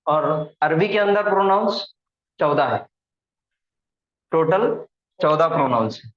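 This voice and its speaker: Male grammar teacher, slightly raised pitch, repeats each point patiently; roomy echo, muffled lo-fi sound. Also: animated, measured pace, fairly bright tone. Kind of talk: classroom lesson explaining grammar at a board. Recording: echoey room, dull lo-fi sound.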